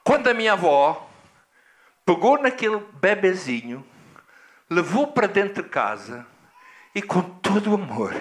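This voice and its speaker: A man from Angola, a pastor telling a personal story in a sermon, emphatic and dramatic. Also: a bit bright. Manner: emphatic, dramatic, with big swings in pitch.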